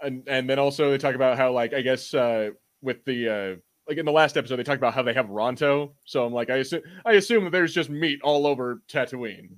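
An American man co-hosts a podcast, rambling casually in slangy terms about things he's a fan of. His mid-range voice moves fairly quickly with few pauses.

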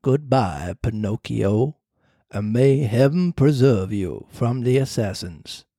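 A podcast reader voicing the faint, grave ghost of an old talking cricket in a storybook reading, slow and measured. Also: mid-range voice, expressive, warm tone, no room sound, studio quality, voice pushed down.

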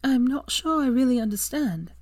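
A woman's voice: high voice, animated, moderate pace, a little mellow, no echo, voice pushed up. A woman voicing a bewildered young witch asking confused questions.

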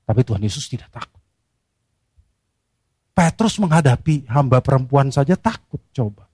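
A man preaching a sermon, reading scripture and pressing his points with rhetorical questions and sharp emphasis. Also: mid-range voice, animated, moderate pace, breathy edge, no room sound, studio quality.

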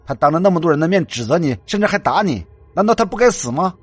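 A man voicing a jealous, obsessive young man in a spoken ghost story, shouting in a raised voice. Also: big pitch swings, a little fast, slightly rough, dry recording. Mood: furious. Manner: shouting, raised pitch, laughing madly.

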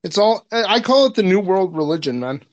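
A relaxed man with a somewhat high-pitched voice talks loosely on a podcast, trailing off and restarting as he tells a story. He laughs easily and swears casually. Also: a little fast, highs cut off. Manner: laid-back, rambling, laughs often, swears. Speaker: podcast guest, film director.

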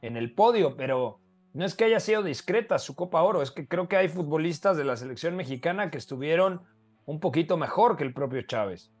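A man's voice: fairly high pitch, lively intonation, fairly quick, soft background music. A man hosting a conversational football discussion and analysing the play. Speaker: sports show host.

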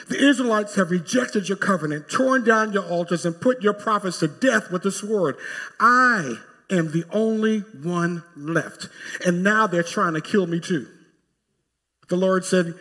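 Man preaching a sermon, bright voice, kinda high, big church reverb, gets emphatic. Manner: emphatic, rising to forceful peaks when retelling scripture. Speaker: pastor.

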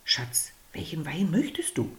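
A woman reading aloud and voicing a pedantic young man who corrects his girlfriend in a hushed, patronizing tone. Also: fairly low pitch, lively intonation, slow.

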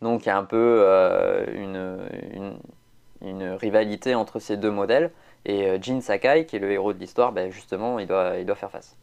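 Rambling Frenchman with a smooth low voice. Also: steady tone, moderate pace, a little mellow. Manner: rambling, many fillers and restarts. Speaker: podcast co-host. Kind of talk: casual chat.

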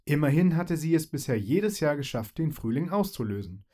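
A man narrating a children's fairy story in a lively, expressive way. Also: fairly high pitch, normal speed.

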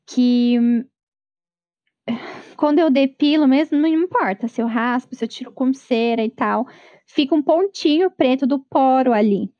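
High-voiced Brazilian Portuguese woman on a dull mic. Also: a little slow, no echo. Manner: expressive, exclamatory reactions. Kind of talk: casual podcast chat.

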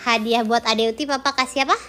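A woman's voice: on the high side, fairly even intonation, fast talker, sharp tone. A woman, a mother, chatting casually and playfully quizzing her small child. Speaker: mother interviewing her toddler. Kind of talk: casual family chat.

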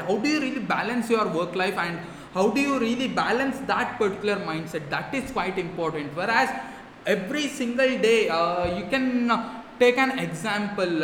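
High, bright-voiced man podcasting in echoey room. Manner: earnest, emphatic, repeats key phrases. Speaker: podcast host. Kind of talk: motivational monologue podcast. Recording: echoey reverberant room, faint noise.

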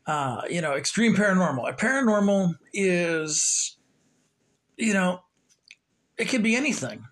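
A man's voice: high-pitched, sing-song, a little slow, fairly bright tone. A man hosting his own podcast, chatting in a loose, rambling way with plenty of fillers. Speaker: podcast host. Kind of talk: casual solo podcast talk.

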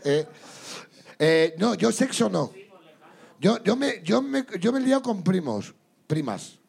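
A man hosting a comedy drinking-game show, trading crude jokes with his guest and breaking into loud laughs. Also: on the high side, gravelly, breathy edge. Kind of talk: bawdy comedy banter before a live audience.

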